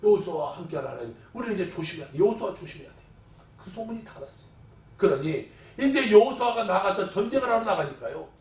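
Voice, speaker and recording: A middle-aged man preaching a sermon as pastor, telling stories dramatically and acting out shouting crowds and a taunting giant. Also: high-pitched, very animated, fast. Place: church sanctuary. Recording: echoey church hall, mic at a distance.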